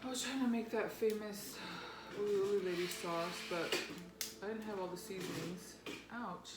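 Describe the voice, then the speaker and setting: A woman's voice: medium pitch, moderate pace. A mother chatting casually over a family mukbang meal at home. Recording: roomy echo, loud noise with clicks.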